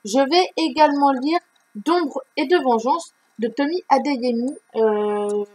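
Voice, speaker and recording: A woman's voice: high-pitched, takes it slowly, a little mellow, a little hiss or hum, rough recording. A woman presenting her reading pile in a casual vlog, chatty and full of fillers and restarts. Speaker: book vlogger.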